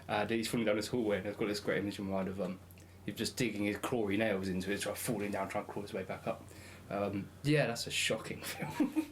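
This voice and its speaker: A man's voice: fairly low pitch, a little fast, few pauses, slight background noise. A man guesting on a casual film podcast, telling stories with wry, dry humour. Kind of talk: casual film review chat.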